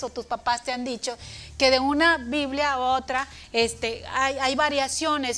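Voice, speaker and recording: A woman with a Latin American Spanish accent gives a children's sermon at church, speaking tenderly to the kids. Her tone is bright and forceful, and she booms out dramatic commands as she tells the story.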